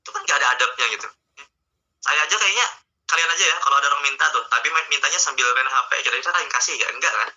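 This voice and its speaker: A man's voice: medium pitch, lively intonation, very fast, pushed and bright. A male Islamic teacher giving a casual online religious talk, speaking conversationally and coaxing his listeners directly. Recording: dull lo-fi online stream audio.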